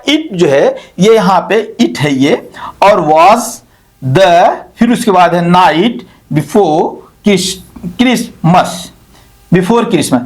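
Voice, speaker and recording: A man teaching poetic meter in a lecture, repeating words to tap out their stresses and correcting himself as he goes. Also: high-pitched. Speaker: literature teacher.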